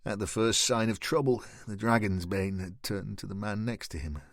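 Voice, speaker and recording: Brief: male audiobook narrator, gravelly texture, dry close recording, measured pacing. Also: lowish voice, no echo.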